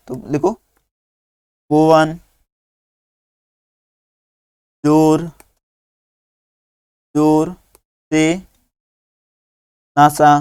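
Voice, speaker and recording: Slow, patient man dictating a lesson. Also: fairly high pitch, a little mellow, clear, resonant tone, dry recording, studio quality. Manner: slow, patient dictation, spelling out words one at a time. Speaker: teacher. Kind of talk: workbook lesson for young children.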